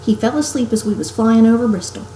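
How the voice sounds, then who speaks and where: Storybook gentle giant, acted by a woman reader: shaggy big man, humble and emotional, echoey room, light background noise. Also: a little high, fast talker, natural voice. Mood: respectful. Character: huge, shaggy, soft-hearted, humble male giant.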